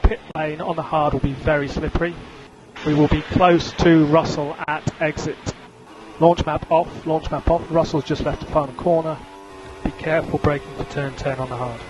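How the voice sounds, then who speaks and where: Clipped, businesslike instructions come from a male race engineer on team radio, with key calls repeated. His voice is on the high side, with fairly even intonation and a normal speed. Engine and vehicle noise fill the very noisy radio link.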